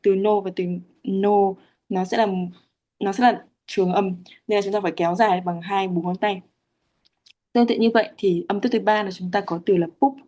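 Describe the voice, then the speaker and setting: A woman's voice: mid-range voice, steady tone, a little fast, mellow. A woman from Vietnam, patiently explaining Pali chanting rules with frequent hesitations. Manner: patient, many fillers, spells out syllable lengths. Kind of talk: teaching explanation.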